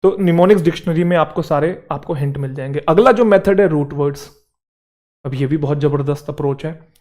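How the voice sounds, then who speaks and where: A man teaches an English vocabulary lesson to exam students, speaking Hindi mixed with English words and checking that they follow along. His voice is fairly high and a little mellow, and his pace is brisk.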